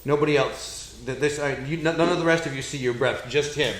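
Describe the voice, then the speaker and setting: Higher-pitched man game mastering in echoey room. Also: a little fast. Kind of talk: improvised tabletop game narration.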